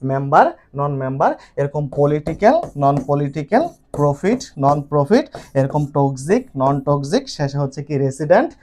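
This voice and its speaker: A male English teacher lecturing a class, running through word pairs in quick lists and often checking in with his students. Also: fairly high pitch, warm tone.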